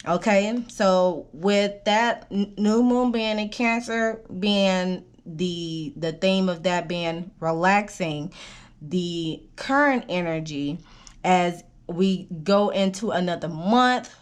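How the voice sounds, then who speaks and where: A woman's voice: on the low side, slow, clean tone. A woman giving a casual spoken tarot reading, meandering with fillers and restarts, often checking in with "okay?", and coughing now and then while she recovers from an illness. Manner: coaching, keeps asking "okay?". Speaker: tarot reader.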